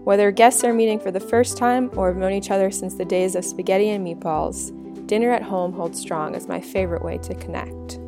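Podcast host lady narrating, bit of fry in her voice, calm storytelling. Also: medium pitch, fairly quick, music in the background.

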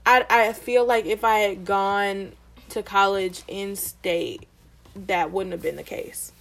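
A young woman from Georgia with a Southern American accent, co-hosting a podcast in a relaxed, thoughtful chat. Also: mid-range voice, slow, vocal fry. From Georgia, USA. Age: young adult. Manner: relaxed, thoughtful, many fillers. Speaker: podcast co-host. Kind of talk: casual chat.

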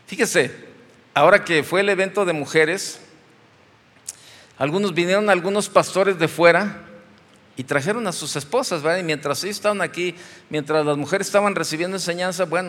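A man with a Mexican accent, a pastor preaching a sermon in a relaxed, joking, storytelling way. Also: fairly high pitch, long reverb tail. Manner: conversational, joking storytelling from the pulpit.

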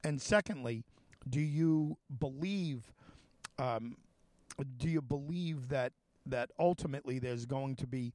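Halting male talk show host. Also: medium pitch, a little mellow, no echo. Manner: halting, many fillers and restarts. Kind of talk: casual interview chat.

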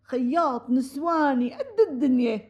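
A woman with a Syrian accent playing a chatty, meddling middle-aged matchmaker neighbor in a comic radio play, talking fast and theatrically over others. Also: high-pitched, animated, a little mellow, dull audio. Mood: bossy. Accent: Syrian Arabic. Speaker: comic audio drama actress.

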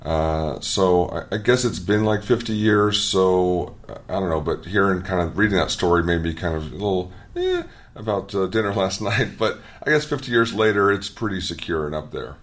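A man with a very low voice co-hosts a casual podcast. He jokes and talks in a loose, laid-back way, with plenty of fillers. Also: moderate pace. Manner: laid-back, joking, self-deprecating. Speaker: podcast co-host.

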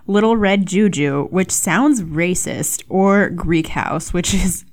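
A woman's voice: lowish voice, slow pace. Rambling, swearing young woman podcaster. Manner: rambling, profane, self-mocking. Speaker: podcast host. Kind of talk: casual solo podcast chat.

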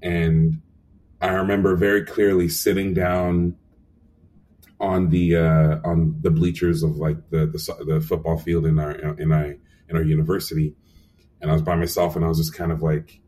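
A young man telling lively stories as a guest in a casual interview, acting out quotes with lots of fillers. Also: deep voice, normal speed, distant mic. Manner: animated storyteller, acts out quotes, frequent fillers. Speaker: animation supervisor guest.

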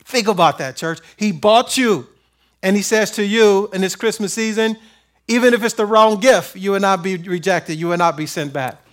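Male pastor, high voice, emphatic call-and-response preaching. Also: fairly quick. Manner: call-and-response questions, rising to emphatic peaks. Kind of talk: sermon.

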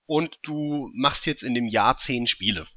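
A man's voice: medium pitch, measured pace, sharp tone, no echo, dull audio. A man co-hosting a casual gaming podcast, explaining his points through hypothetical scenarios. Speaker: podcast co-host.

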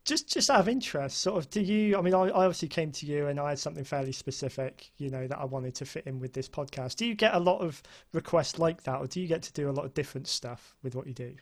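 A man's voice: fairly high pitch, fast, few pauses. A man with a southern British accent hosting a casual interview in a hesitant, rambling, enthusiastic way. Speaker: podcast host.

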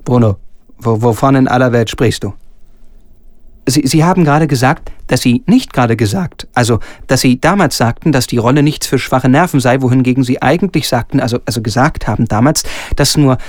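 A man's voice: mid-range voice, a little fast, dry recording, pitched below the performer's own voice, lightly acted. A man voicing a timid, deferential assistant who stammers and hesitates with many fillers.

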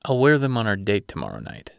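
An eager, wide-eyed grown man who gets thrilled by small things, read by a male audiobook narrator. The voice is smooth and clear, sitting a touch higher than the narrator's own. It is recorded dry and close. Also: wildly swooping pitch, fast talker, no echo, heavily acted. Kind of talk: audiobook character reading.

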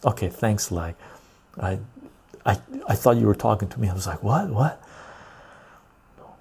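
A man's voice: lowish voice, expressive, normal speed, creaky, a little mellow, husky. A man, hosting a casual livestream, reading chat and rambling with frequent "right?" tags. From Canada, born in Iran. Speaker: livestream host.

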